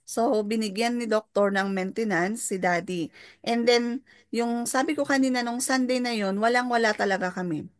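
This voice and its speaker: A woman's voice: on the high side, moderate pace, no echo, studio quality. A middle-aged woman with a Filipino accent sharing a personal testimony as a mentor, politely mixing English into her talk and checking in with listeners. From Philippines. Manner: mixes English into Tagalog, polite, tag questions to listeners.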